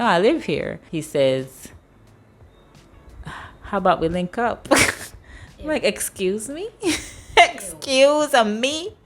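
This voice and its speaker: A woman in her thirties with a Jamaican accent hosts a casual chat, telling stories animatedly and acting out the dialogue in high voices.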